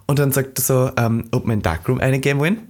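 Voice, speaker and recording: A man in casual podcast chat, telling cheeky, animated anecdotes. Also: mid-range voice, quick pace.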